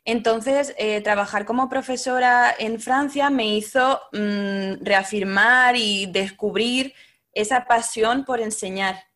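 A woman's voice: fairly high pitch, slow pace, a bit bright. A woman, a teacher speaking as a podcast guest, thoughtful and often hesitating. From Spain. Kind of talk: casual interview talk.

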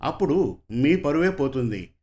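A man voicing a calm, protective middle-aged passer-by who gives steady warnings, in an audio serial story. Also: fairly high pitch, unhurried. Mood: cautioning. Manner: steady, cautioning.

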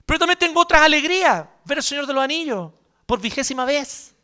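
A man with a Chilean accent, a pastor preaching a sermon in an animated, joking, colloquial way. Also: extremely high pitch, quick pace.

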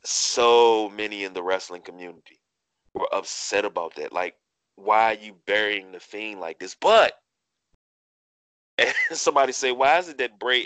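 A man with a hoarse, parched voice, chatting casually and haltingly about sports as a podcast co-host. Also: fairly low pitch, fairly bright tone, no room sound. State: hoarse, parched throat after a day of yelling.

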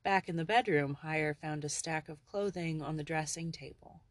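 Dry, measured audiobook narrator. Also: mid-range voice, no room sound. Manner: measured, descriptive reading.

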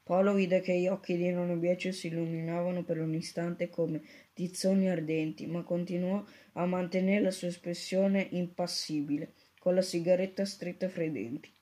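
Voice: medium pitch, warm tone. A narrator reading a children's book aloud steadily, with small slips. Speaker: audiobook narrator.

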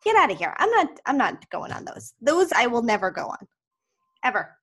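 Brief: woman co-host, fairly high and very lively pitch, emphatic, chatty. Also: breathy edge. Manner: animated and emphatic, quick to laugh. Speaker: podcast co-host. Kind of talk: casual chat.

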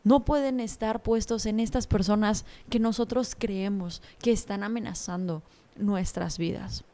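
A woman's voice: mid-range voice, unhurried, warm tone. Earnest young woman giving a devotional talk. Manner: earnest, personal and confiding.

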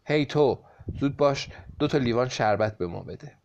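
A man's voice: medium pitch, animated, vocal fry, darkish tone, highs cut off. A man playing a fawning, greedy judge. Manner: servile to the devil, bossy to others.

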